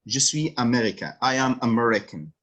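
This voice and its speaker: A man from Morocco with a Moroccan accent tutoring French over a video call, patiently repeating words slowly. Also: medium pitch, lively intonation, a bit bright, slightly rough, highs cut off. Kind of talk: online one-on-one language lesson.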